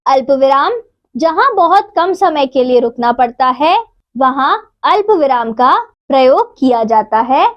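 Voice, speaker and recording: High-voiced woman teaching children. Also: animated, muffled recording. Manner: slow, clear reading of examples. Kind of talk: children's grammar lesson.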